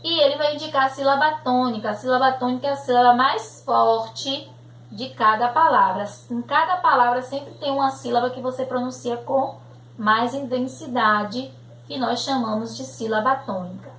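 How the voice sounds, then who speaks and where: Slowly and patiently, a woman primary school teacher with a Brazilian accent walks young children through grammar, regularly asking "né?" and "tudo bem?" to make sure they're following. Her voice is high with a fairly bright tone, and the echoey home-room recording has slight background noise.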